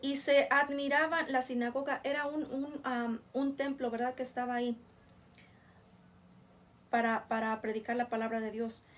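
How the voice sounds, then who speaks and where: A woman's voice: sits high, flat delivery, far from the mic. A woman reading Bible verses aloud and explaining them to listeners in a casual, rambling way. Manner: reads a verse slowly, then explains it in rambling asides to listeners. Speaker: Bible teacher.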